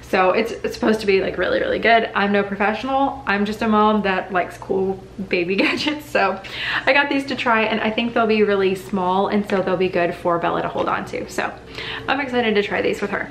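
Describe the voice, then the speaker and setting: A young woman vlogging as a mom, chatting enthusiastically about her haul, full of "like" and excitement. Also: mid-range voice, a little fast. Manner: bubbly, enthusiastic, chatty with many likes. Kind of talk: casual haul chat to camera. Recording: echoey room with faint background hum.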